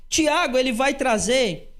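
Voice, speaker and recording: A woman teaching a doctrinal Bible study, expressive and full of rhetorical questions. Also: sits high, slow pace. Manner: expressive, acts out quoted lines, frequent rhetorical questions.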